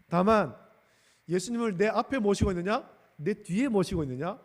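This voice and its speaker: A male pastor preaching a sermon emphatically, repeating key phrases and calling out hallelujah. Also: high-pitched. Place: church sanctuary. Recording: long church-hall reverb.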